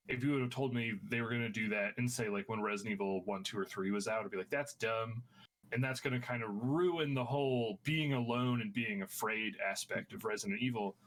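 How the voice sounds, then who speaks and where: A man co-hosting a casual podcast, curious and quick, telling loose stories. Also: mid-range voice, fairly bright tone. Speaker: podcast co-host. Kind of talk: casual chat.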